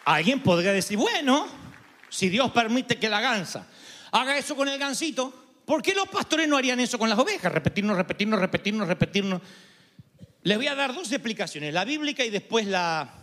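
A man with an Argentine Spanish accent preaching a sermon as pastor, animated and playful, imitating voices and honking sounds to make his point. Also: very high voice, brisk. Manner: animated, imitates voices and goose honks for humor. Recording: long hall reverb.

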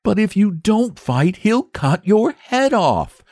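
An earnest young boy pleads in a raised, lively voice that swings up and down. A man voices him for a storybook. The recording is dry and close. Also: moderate pace, no echo. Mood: pleading. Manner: pleading and high-pitched.

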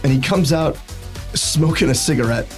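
A man narrating as game master in a halting way, with many fillers. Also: a little high, faint music behind. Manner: halting, filler-heavy description.

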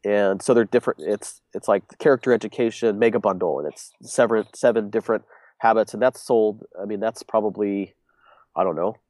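A man's voice: fairly low pitch, a little fast, darkish tone, no room sound. A young man with a congested, stuffy voice, talking casually as an interview guest and rambling with many fillers and restarts. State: congested, sick. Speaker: guest, business owner.

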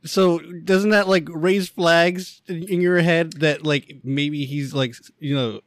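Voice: medium pitch, fairly even intonation, dry recording. A podcast co-host reacting to a true-crime story in casual chat, hesitant and full of fillers. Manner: slow, hesitant, with fillers and laughter.

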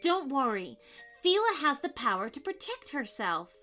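A woman's voice: high voice, big pitch swings, normal speed, pushed and bright, faint music behind, voice pushed up, heavily acted. A woman voicing a young fairy queen in a storybook, brave and earnest, speaking in emphatic exclamations. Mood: reassuring.

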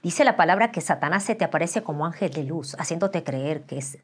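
Lively joking Mexican woman, older. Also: deep voice, fairly quick, slightly rough. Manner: animated and joking, acts out voices. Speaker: interview guest, pastor's wife. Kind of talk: candid storytelling interview.

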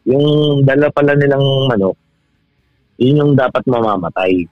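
A man in casual podcast chat, telling a winding story, breaking into laughter and restarting sentences as he goes. The voice sits at an ordinary middle pitch. The sound is dull and dry, with faint music behind it. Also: normal speed, dry recording. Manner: laughs often while telling stories, many restarts. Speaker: podcast co-host.

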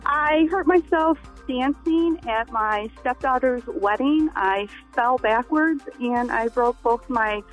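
High-pitched woman calling a radio show. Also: takes it slowly, few pauses, soft background music, poor audio. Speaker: radio contest caller. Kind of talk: casual chat.

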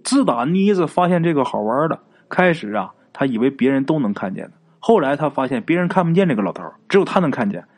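A man's voice: fairly high pitch, sing-song, quick pace, few pauses, a little mellow. A man telling a ghost story in a casual, colloquial way, full of filler particles and asides.

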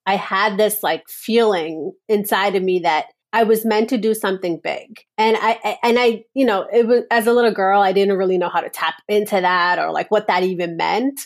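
A woman from Nepal talks as a podcast guest at an ordinary middle pitch. She speaks earnestly and reflectively, and often links her thoughts with "like" and "and so.". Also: fairly even intonation, moderate pace, hardly any pauses. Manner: earnest, reflective, many "like" and "and so" fillers. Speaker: guest, personal power coach. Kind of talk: casual podcast interview.

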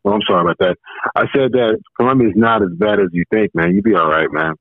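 A man calling in to a podcast over a muffled, bass-heavy phone line, talking in a calm, laid-back, reassuring way. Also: quick pace, creaky, no room sound. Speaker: caller. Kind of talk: casual podcast chat.

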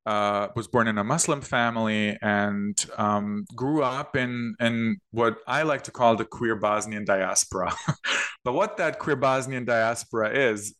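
A man's voice: lowish voice, fairly bright tone. A man, an author and queer studies scholar, speaking in an interview with thoughtful, hedging academic phrasing.

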